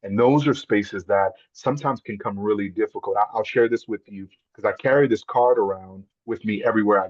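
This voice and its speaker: A man's voice: lowish voice, no room sound, muffled recording. A man, a podcast guest, telling a heartfelt personal story in an earnest, emotional way, repeating words when moved.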